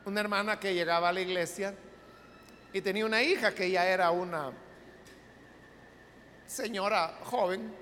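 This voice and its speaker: A man's voice: high voice, normal speed, long pauses, pushed and bright. A man preaches, telling a personal story in a loose, conversational way full of asides. His voice carries a long reverb from a large church hall, with a faint background noise underneath. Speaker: pastor. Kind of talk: sermon testimony storytelling.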